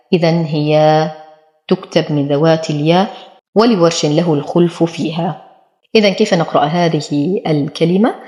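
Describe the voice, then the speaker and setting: A woman teaching Quran recitation rules, explaining each letter step by step and then saying the word slowly. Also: sits low, a little mellow. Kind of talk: tajweed lesson. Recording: echoey room.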